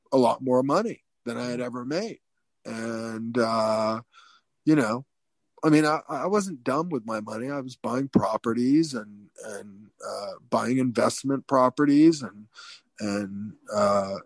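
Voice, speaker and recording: A man as an interview guest telling a story casually, animated and profane, with many fillers and restarts. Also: medium pitch, no echo.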